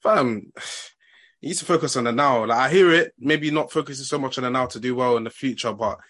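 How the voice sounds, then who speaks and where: Hosting a casual football chat, this man talks in London roadman slang with a laid-back manner. His voice sits at medium pitch, fairly bright, and he speaks a little quickly.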